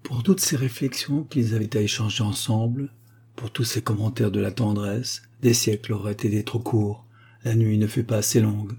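A male narrator reading a historical novel aloud in a measured, literary manner. His voice is dark and mellow, with a husky edge. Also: lowish voice, fairly even intonation. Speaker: audiobook narrator.

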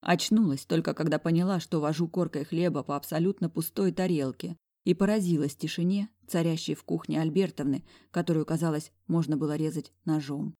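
A woman reading a first-person audiobook in a wry, lively storytelling manner. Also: sits low, a little fast, hardly any pauses, no echo, studio quality. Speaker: audiobook narrator.

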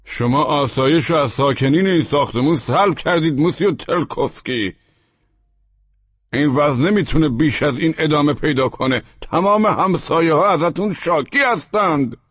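A man's voice: a little high, fairly bright tone, husky, no room sound, muffled recording, pitched above the performer's own voice. A man voicing a stern middle-aged landlord who lectures his tenant, in an audiobook. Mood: angry. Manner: reproachful, lecturing. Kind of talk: audiobook character voice.

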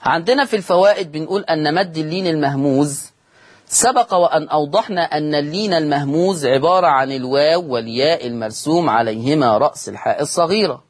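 Egyptian guy teaching quran reading on tv, kinda high husky voice, says stuff twice and quizzes himself. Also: fast. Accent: Egyptian Arabic. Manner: repeats key points, asks and answers his own questions. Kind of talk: televised religious lesson. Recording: studio broadcast.

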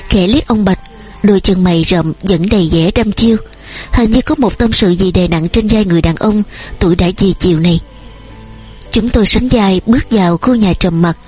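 A woman reads a novel aloud in steady first-person narration. Her voice is breathy at a middle pitch. Soft music plays faintly behind her. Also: normal speed. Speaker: audiobook narrator. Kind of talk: scripted narration.

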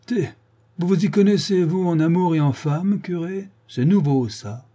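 A man voicing a stubborn, scornful old male farmer from the countryside in a read-aloud story, with gruff, mocking outbursts. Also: high-pitched, unhurried, warm tone, voice pushed up.

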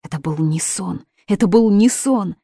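A woman's voice: low-pitched, moderate pace, darkish tone, breathy edge, no room sound. Desperate young woman, read by a woman, urgent pleading outbursts, raised voice, dry close sound. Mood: frantic.

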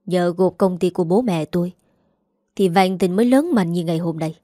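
A woman's voice: fairly low pitch, moderate pace, no room sound, close to an everyday voice. Defiant scheming young woman, voiced by the narrator, accusing, bitter; dry close audiobook sound. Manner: accusing, sharp-tongued.

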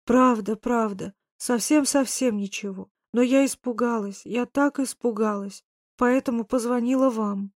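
A woman's voice: on the high side, measured pace, darkish tone, dry recording, studio quality. A woman narrator voicing a fretful, helpless elderly woman who sighs out plaintive exclamations, in an audiobook. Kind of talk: audiobook dialogue reading.

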